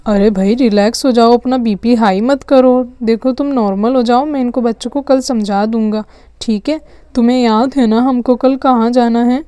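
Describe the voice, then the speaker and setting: A woman's voice: fairly high pitch, fairly even intonation, moderate pace, dark tone, clear, resonant tone, no room sound, clean studio sound, lightly acted. A woman voicing an easygoing father doll who soothes his wife in a homemade doll story. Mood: calm. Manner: soothing, reassuring. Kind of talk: doll story play-acting.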